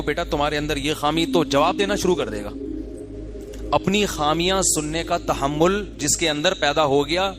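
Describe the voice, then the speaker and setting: High-voiced man preaching conversationally. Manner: conversational preaching with acted quotes and rhetorical questions. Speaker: Islamic scholar. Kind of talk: sermon.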